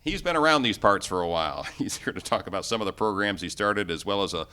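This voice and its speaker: A man from New York State hosting an interview show, upbeat and quick with short replies. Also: on the low side, lively intonation, pushed and bright, clean tone. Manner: brisk, upbeat, quick back-channel replies. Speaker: radio show host.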